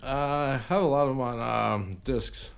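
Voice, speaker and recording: A man's voice: medium pitch, normal speed, slight background noise. A man telling anecdotes in a casual, colloquial, rambling way as an interview guest. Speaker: guest paranormal investigator.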